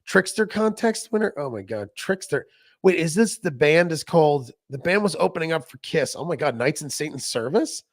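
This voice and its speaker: A man's voice: a little high, animated, moderate pace, no room sound, clean studio sound. A man co-hosting a casual podcast, joking around and reading old magazine letters aloud in mock voices. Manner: jokey, reads letters in mock voices, laughs often. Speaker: podcast co-host.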